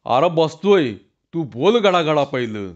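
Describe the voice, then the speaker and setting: A man voicing a gruff, bossy village strongman who talks bluntly and gives orders. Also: a little high, big pitch swings, a little slow, highs cut off. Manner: blunt, commanding.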